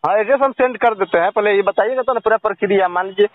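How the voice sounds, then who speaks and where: A young man with a high-pitched, racing voice calls on the phone to sell an old coin, sounding casual, hesitant and full of questions. The recording is tinny and dry, with no room sound.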